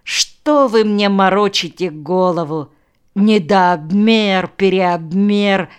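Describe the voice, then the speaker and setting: A woman's voice: lowish voice, takes it slowly, clear, resonant tone. A woman reading the lines of a sardonic, curt male outpost chief who mocks his opponent. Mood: mocking. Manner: mocking, curt.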